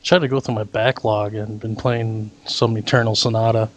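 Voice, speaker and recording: A man's voice: on the low side, flat delivery, normal speed. A man co-hosting a casual gaming podcast, playful and jokey, blunt with his opinions. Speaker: podcast co-host.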